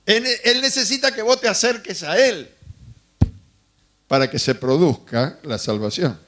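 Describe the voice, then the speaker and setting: A man's voice: sits high, animated, unhurried, fairly bright tone. A man preaching a sermon as pastor, telling stories and putting questions to the congregation. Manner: conversational storytelling with questions to the congregation.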